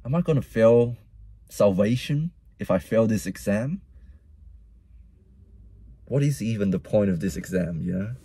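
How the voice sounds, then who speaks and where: A man's voice: fairly low pitch, animated, a little slow, pauses often, warm tone, husky, no room sound. A young man with a mixed Vietnamese-Australian accent, rambling and soul-searching in a casual personal vlog monologue, often repeating himself. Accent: Vietnamese-Australian mix. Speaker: vlogger.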